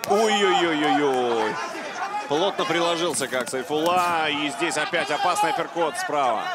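A man's voice: a little high, normal speed. A man co-commentating on a fight live, explaining tactics in a conversational, analytical way. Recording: very loud arena crowd behind.

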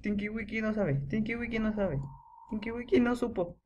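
A teenage boy, giving excitable horror gameplay commentary, chanting and yelling when scared. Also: high voice, normal speed, dull audio, slight background noise. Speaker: gamer.

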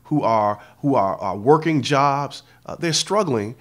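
A man's voice: mid-range voice, lively intonation, unhurried. A middle-aged man hosting a talk show on addiction, speaking earnestly with many fillers and restarts, in an indoor room. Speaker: host.

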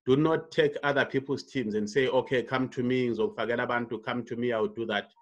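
A man in his fifties, a network marketing coach, giving an online coaching presentation in an unhurried way, with frequent fillers and restarts. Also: mid-range voice, fairly even intonation, dull audio. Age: 50s. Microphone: computer mic on a video call.

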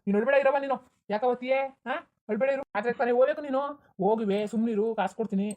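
A woman's voice: a little high, racing, narrow, tinny audio, lightly acted. A woman voicing an indulgent village father in a cartoon who soothes his wife and dotes on his daughter. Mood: soothing. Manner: soothing, brushing off complaints. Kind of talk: cartoon voice acting.

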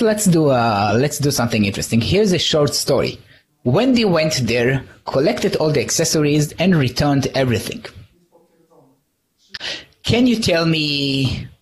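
A man giving a live conference talk, conversational, checking in with "all right?" and often restarting words. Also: medium pitch. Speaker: conference speaker.

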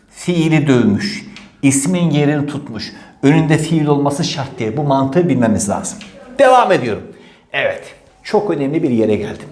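A man's voice: on the high side, darkish tone. A man teaching grammar in an exam-prep lesson, emphatic, repeating key rules and voicing his students' questions. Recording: echoey room.

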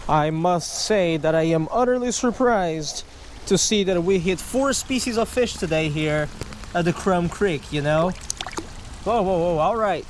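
Out by a wooded creek, a man in his thirties fishes while casually talking to camera, greeting each catch with an exclamation and chatting with viewers. His voice is high, and the handheld or chest-mounted camera mic captures slight background noise.

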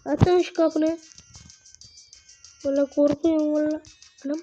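High-pitched female game commentator, jumpy and panicky, muffled recording over loud background music. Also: unhurried. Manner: excitable, panicky exclamations, repeats words. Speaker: gaming channel host. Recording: dull lo-fi with music behind.

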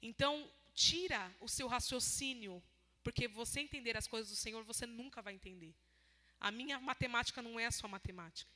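A woman's voice: fairly high pitch, a little fast, pushed and bright. A woman preaching a sermon, retelling her talks with God and closing in fervent prayer. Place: church hall. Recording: long church hall reverb.

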